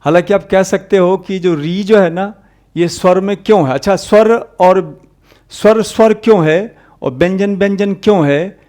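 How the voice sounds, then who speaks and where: A man teaches an exam-prep Hindi grammar lecture, patiently explaining and repeating sounds aloud. He rises on key points and drops low at phrase ends. His pace is a little slow and his tone darkish.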